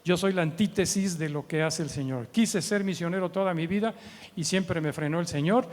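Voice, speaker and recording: A Mexican guest preacher and missions trainer in his early 70s, from Mexico City, gives informal church teaching full of anecdotes in a meeting hall. His fairly high, slightly mellow voice moves at normal speed, chatty and humorous, often seeking agreement with short tag questions. The sound has a long hall reverb.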